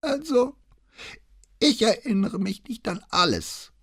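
A man voicing a querulous old notary who whines in a high, shrill voice while feigning frailty. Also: expressive, slow pace, a bit bright, slightly rough, no room sound, clean studio sound, heavily acted. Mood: feebly evasive. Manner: irritable, evasive.

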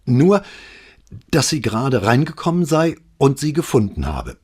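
A man's voice: mid-range voice, big pitch swings, unhurried, darkish tone, husky, pitched above the performer's own voice. A man voicing a flustered, out-of-breath police sergeant who stammers out an urgent report. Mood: agitated.

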